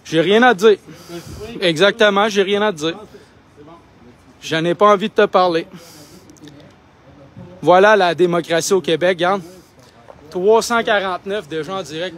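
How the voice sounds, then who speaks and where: A young man with a Québécois French accent livestreaming on his phone outdoors, talking in an indignant, insistent, argumentative way. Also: sits high. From Quebec. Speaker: independent livestreamer. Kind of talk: live street vlog. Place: outdoors outside a building.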